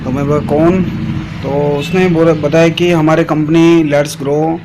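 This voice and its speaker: A man tells his viewers a story in a loose, rambling way. He often pauses on drawn-out fillers and checks in with "theek hai." His voice sits a little high, with a faint hiss of noise behind it. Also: steady tone. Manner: reads out chat messages aloud. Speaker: MLM channel host.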